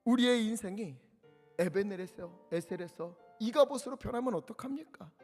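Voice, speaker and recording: A male pastor preaching an impassioned sermon, swinging between hushed near-whispers and loud cries. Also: high voice, lively intonation, normal speed. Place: church sanctuary. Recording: long hall reverb with faint music.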